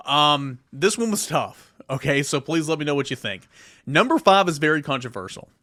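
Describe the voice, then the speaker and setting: A man hosting a casual sports podcast countdown, chatty and emphatic, with many fillers and quick self-corrections. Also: on the high side, animated, pushed and bright, dry recording, studio quality. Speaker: podcast host.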